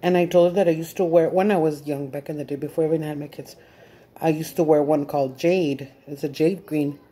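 A woman's voice: low-pitched, steady tone, moderate pace, warm tone. A middle-aged woman with a Mexican accent, chatting casually to her viewers at home, mixing English and Spanish with crude slang and plenty of laughter. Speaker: vlogger. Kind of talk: casual chat to camera.

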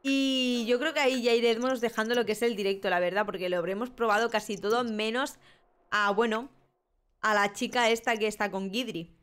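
A woman's voice: fairly high pitch, steady tone, brisk, a bit bright, smooth. A young woman with a Spain Spanish accent, chatting and laughing through a live game stream. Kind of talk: live gameplay commentary.

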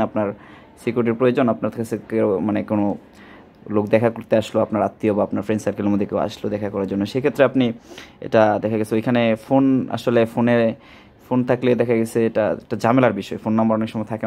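In an informal sales demo held indoors at a table, a seller with a Bangladeshi accent shows off a product, repeating points and using English words along the way. His voice is warm and on the low side, over clearly audible background noise.

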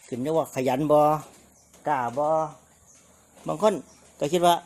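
A man with an Isan accent from northeastern Thailand offers his farm stock to viewers in a relaxed live chat, restating prices and the other person's replies for them. His voice is a little high and darkish, with a steady tone and measured pace, and there's slight background noise.

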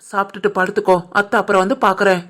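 A woman voicing a protective older mother-in-law in an animated family cartoon, firm and scolding, with a Tirunelveli Tamil accent. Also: medium pitch, racing, close to an everyday voice. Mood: tender. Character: caring older mother-in-law, protective, stern with her daughter.

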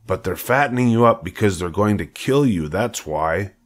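A man's voice: lowish voice, lively intonation, moderate pace, lightly acted. A man playing a gloomy old female sheep in a storybook, speaking in a matter-of-fact, snappish, weary way. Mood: ominous, matter-of-fact.

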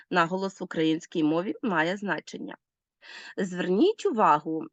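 A woman's voice: mid-range voice, no room sound, highs cut off. A woman teacher with a Ukrainian accent, giving a recorded grammar lesson to pupils. She lists word forms one by one, stresses the endings and tells the class what to write down. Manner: addresses pupils directly with instructions.

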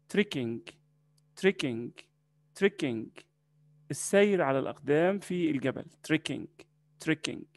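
With a slightly mellow voice on the high side and no room sound, an Egyptian-accented man runs an English vocabulary lesson. He says each word slowly, then repeats it over and over.

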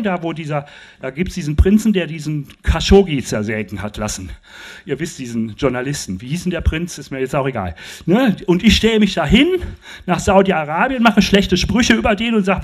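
An older man giving an emphatic public talk on a festival tent stage with a handheld mic, often asking the audience rhetorical questions. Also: high-pitched. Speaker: lecturer.

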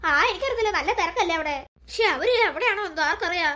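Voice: very high voice, lively intonation, quick pace, sharp tone, a little hiss or hum, heavily acted. A voice actor doing a chatty cartoon big brother. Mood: reassuring. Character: older brother, boy waiting at home.

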